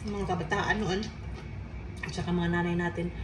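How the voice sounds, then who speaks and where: A woman's voice: fairly low pitch, flat delivery, normal speed. A woman from the Philippines with a Filipino accent, chatting casually as she eats with her mouth full, like an eating show host. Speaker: vlogger showing a meal. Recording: echoey room, clearly noisy background.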